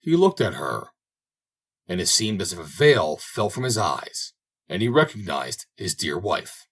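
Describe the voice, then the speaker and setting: In a fairly low, husky voice, an audiobook reader narrates a fairy tale without hurrying. His telling is expressive and dramatic, the pitch swinging widely from one phrase to the next.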